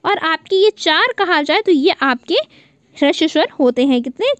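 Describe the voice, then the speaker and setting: A woman's voice: very high voice, dry recording. A woman teaching an online class, repeating key points as questions to her students and stretching out vowel sounds to show their length.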